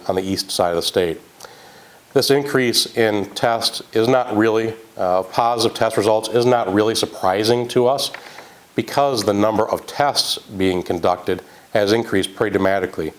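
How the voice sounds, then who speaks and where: A man giving a public health update as a county health official, speaking in a measured, earnest way with some fillers. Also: on the low side, low-quality recording.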